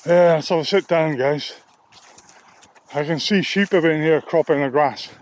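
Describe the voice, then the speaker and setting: A man's voice: fairly high pitch, a little slow, slight background noise. A man talking candidly while walking outdoors on a nature reserve, a little out of breath from the walk. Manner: rambling, candid, downbeat. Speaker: sound therapist vlogger. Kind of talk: walk-and-talk vlog. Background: faint outdoor ambience.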